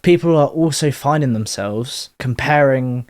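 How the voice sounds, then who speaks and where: A man's voice: medium pitch, unhurried, darkish tone. A man, talking candidly in a casual monologue, drifting off on tangents and swearing now and then. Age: 20s. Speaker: vlogger.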